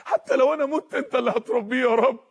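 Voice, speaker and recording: A man's voice: very high voice, very fast, slightly rough, exaggerated voice. A man voicing an aged male prophet who pleads with God for a son, speaking with an Egyptian Arabic accent and tearful, repeated cries. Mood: pleading.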